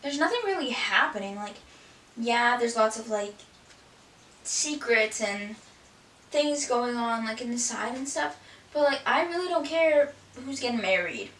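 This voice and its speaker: A woman's voice: on the high side, animated, measured pace, a bit bright. A woman chatting casually about books she has read, rambling and filling her talk with "like". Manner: rambling, frequent "like" fillers. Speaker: book vlogger. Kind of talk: casual book review chat. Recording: echoey room, from a distance, faint hiss.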